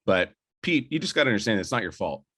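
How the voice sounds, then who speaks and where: A man's voice: fairly low pitch, very animated, quick pace, bright, forceful tone, slightly rough. A young adult man co-hosting a podcast, debating movies enthusiastically and rambling with fillers and restarts. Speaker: podcast co-host. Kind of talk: casual film debate.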